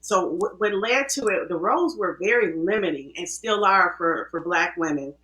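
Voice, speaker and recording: A woman's voice: lowish voice, lively intonation, normal speed, sharp tone, echoey room, poor audio. A woman from the American Midwest, a film producer guest telling her story in a chatty, self-interrupting way. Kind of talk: casual interview talk.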